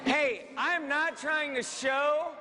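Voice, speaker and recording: A man's voice: very high voice, takes it slowly. A man teaching a drum class, giving firm, direct instructions and joking with his students in a school music room. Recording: reverberant room, faint noise.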